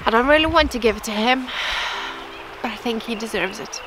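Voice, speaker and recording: A woman speaking a little fast, with a slightly high voice, chats and jokes at her own expense as she fly fishes on a riverbank outdoors. She becomes excitable when hooking a fish. There's music behind her, and the camera mic is sometimes far away.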